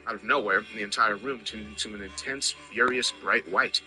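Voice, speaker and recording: First-person story narrator, male, low voice with a sharp bright edge, wry and conversational over faint music. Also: moderate pace.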